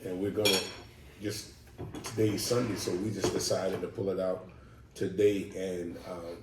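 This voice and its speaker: Low-voiced New Orleans dad explaining gumbo. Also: male voice, level tone, moderate pace, recorded from a distance. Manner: explains at length with many fillers, emphatic. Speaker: husband, father. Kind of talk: casual family mukbang chat. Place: home dining table. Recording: echoey room, from off mic, faint noise.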